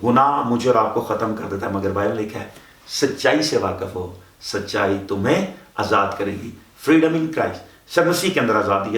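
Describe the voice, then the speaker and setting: A man's voice: medium pitch, a bit bright. A man preaching as a pastor, reading scripture and repeating words with emphasis, mixing English phrases into his sermon. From Pakistan. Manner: preaching in Urdu-Hindi mixed with English phrases. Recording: echoey room, voice heard from a distance.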